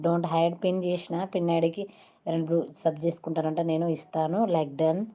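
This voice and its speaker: A woman with a Telangana Telugu accent hosts a casual live stream. Her voice sits a little low and sounds soft and mellow. She chats with viewers, greets them one by one and drops in English phrases. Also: little pitch movement, brisk. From Telangana, India.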